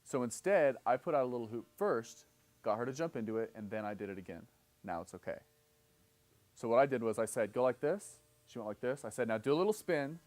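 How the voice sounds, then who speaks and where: This seminar instructor, a man in his thirties, has a medium-pitched, darkish, expressive voice and speaks a little fast. Lecturing live, he walks through each step, keeps asking "okay?", and plays both parts in sample conversations.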